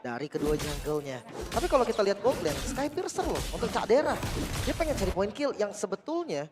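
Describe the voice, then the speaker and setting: A man with an Indonesian accent giving energetic, analytical commentary on an esports match. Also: high voice, a little fast.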